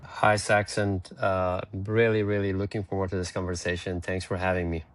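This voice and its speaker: A startup founder from Iran, appearing remotely as a podcast guest over a call, tells his story in casual interview fashion, blunt, plainspoken and full of fillers. His voice sits low, with flat delivery at a normal speed.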